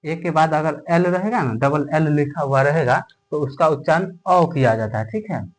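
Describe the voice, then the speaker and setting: A man's voice: on the high side, moderate pace, poor audio. A man teaching English pronunciation step by step, asking himself questions and answering them, often checking in with the viewers. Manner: explains step by step, asks and answers his own questions, keeps checking in with "okay?". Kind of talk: classroom lesson.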